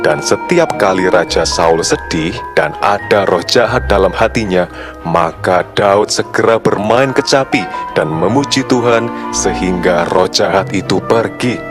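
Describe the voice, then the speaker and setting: A man's voice: on the low side, lively intonation, measured pace. A man reading a scripted Bible story for children as a storyteller. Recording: loud background music under narration.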